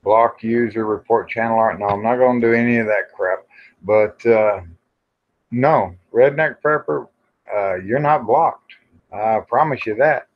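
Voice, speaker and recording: Browsing and muttering to himself, a folksy livestream host in his 50s carries on a casual, rambling live chat. His voice is lowish and his pace measured, with the sound coming through dull and lo-fi.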